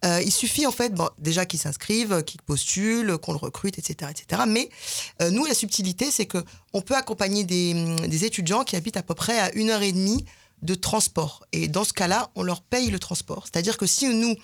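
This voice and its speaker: A woman's voice: mid-range voice, a little fast. A woman from France, an interview guest explaining her association, talking with many hesitations and fillers. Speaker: association representative.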